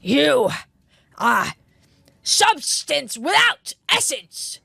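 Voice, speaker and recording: A woman puts on a stubborn young male alchemist from a fantasy audiobook, sardonic and defiant, pitched a little above her own narrating voice. He spits out his words through gritted teeth, in a dry, close recording. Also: sing-song, drawn-out words, creaky, sharp tone, no room sound, exaggerated voice. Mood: strained.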